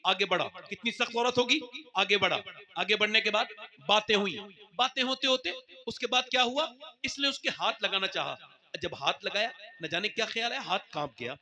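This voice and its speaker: High, piercing impassioned preacher man. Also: normal speed. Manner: impassioned, swinging between soaring cries and hushed tones. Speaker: Islamic preacher. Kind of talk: sermon storytelling to a live gathering. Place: gathering with listeners present.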